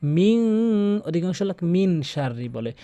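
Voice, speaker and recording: An earnest man teaches tajweed with a Bangladeshi Bengali accent, sounding out each Arabic letter slowly and more than once. His voice sits a little high for a man. The recording is dry and close. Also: darkish tone, no echo. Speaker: Quran recitation teacher. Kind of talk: tajweed pronunciation lesson.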